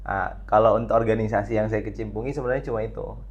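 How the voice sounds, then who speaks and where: A young man from Riau, a student leader and podcast guest, answering in a measured, thoughtful way with frequent filler pauses. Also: lowish voice, fairly even intonation, darkish tone, dull audio. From Riau, Indonesia. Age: young adult. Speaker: student body president, guest. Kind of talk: casual podcast interview.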